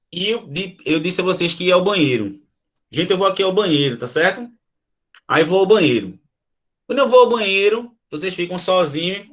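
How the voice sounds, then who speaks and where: A man's voice: a little high, a bit bright. A man teaching a grammar lesson to a class, checking in with the students and restating his examples. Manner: checks in with listeners, often adding "tá?".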